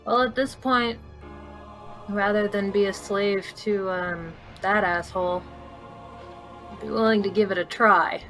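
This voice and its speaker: A woman's voice: medium pitch, steady tone, unhurried, pauses often, a bit bright. A woman playing a tabletop game, chatting casually with music behind her.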